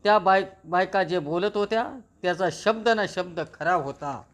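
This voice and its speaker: A man reading the lines of a suspicious father who gravely warns his daughter about a scheming woman. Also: high voice, moderate pace, lightly acted. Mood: warning.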